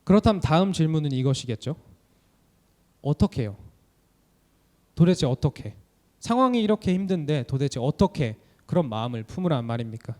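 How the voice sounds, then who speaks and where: Animated young male student preacher. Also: on the high side, a little fast, long pauses. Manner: animated, asks many rhetorical questions. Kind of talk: sermon.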